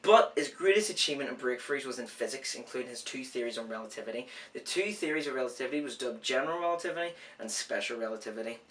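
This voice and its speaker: Male science host, medium pitch, says w for r, informal and self-deprecating with rambling asides, distant mic. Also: lively intonation, fast, hardly any pauses, a bit bright. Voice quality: cannot say R clearly, says w for r. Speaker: host of an educational science series. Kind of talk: informal science explainer, part scripted, part ad-libbed.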